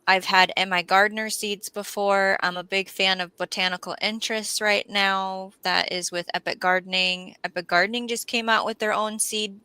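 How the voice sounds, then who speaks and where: A woman's voice: medium pitch, flat delivery, normal speed, few pauses, pushed and bright, clean tone, no room sound. A woman with a Minnesota accent hosting a casual gardening livestream, chatting and reading viewer comments aloud. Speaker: livestream host.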